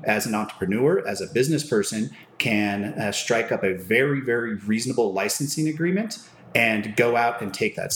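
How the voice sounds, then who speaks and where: A man explaining his business in an interview, with halting, broken phrasing and frequent hesitations. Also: fairly low pitch, fairly bright tone. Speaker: entrepreneur and company founder being interviewed. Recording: roomy echo with faint background noise.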